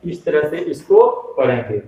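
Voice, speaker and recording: A man's voice: fairly high pitch, sing-song, normal speed, highs cut off, slight background noise. A man teaching a primary school Hindi lesson step by step, patiently spelling out letters and asking questions that he answers himself. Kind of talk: slow step-by-step classroom lesson. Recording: echoey room, voice from a distance.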